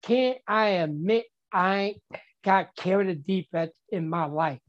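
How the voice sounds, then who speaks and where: A man's voice: high-pitched, unhurried, lo-fi sound. A man sharing at a twelve-step recovery meeting, stuttering and repeating words in simple, earnest phrasing.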